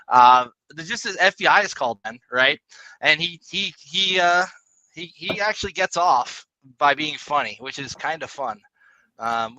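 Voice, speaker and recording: A man's voice: fairly high pitch, bright, forceful tone, dry recording, rough recording. A man co-hosting a podcast in casual, rambling chat, laid-back and swearing now and then. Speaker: podcast co-host.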